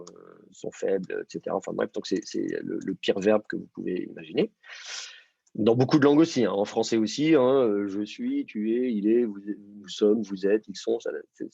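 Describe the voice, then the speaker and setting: Male teacher, patient and methodical, husky timbre, dull dry recording. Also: lowish voice, a little mellow, no room sound. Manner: patient, explains step by step with many fillers. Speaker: Hebrew teacher. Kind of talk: online class explanation.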